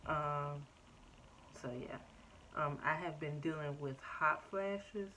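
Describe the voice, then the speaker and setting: Slow low-voiced woman vlogging at home. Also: sharp tone, a little hiss or hum, low-quality recording. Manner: chatty, frequent "um" and "like", addresses viewers as "y'all". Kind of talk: casual personal update to camera.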